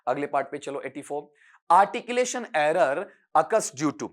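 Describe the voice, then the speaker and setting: A man with a slightly high voice giving an online exam-prep lecture. He reads English answer options slowly, then explains them at length in Hindi. Along the way he keeps asking questions of his listeners and answering them himself. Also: lively intonation.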